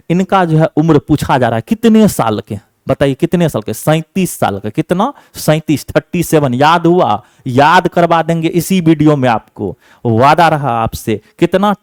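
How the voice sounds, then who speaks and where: A male teacher running an exam-prep class, repeating each answer slowly and checking again and again that students have it memorized. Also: a little high, darkish tone, no echo, studio quality. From Bihar, India.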